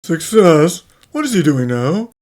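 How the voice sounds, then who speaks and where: A man's voice: on the high side, sing-song, unhurried, a little mellow. A man playing an earnest, regretful older character in an anime-style fan dub. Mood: puzzled. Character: earnest, regretful older friend, long estranged. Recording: voice over faint music.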